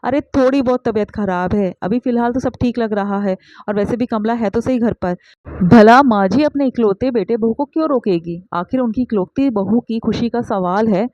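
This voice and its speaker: A woman's voice: fairly high pitch, normal speed, darkish tone, no room sound, natural voice. A woman voicing a spoiled young wife who hurls scornful accusations, heard on a dull lo-fi recording. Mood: taunting. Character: sharp-tongued young wife, spoiled and resentful.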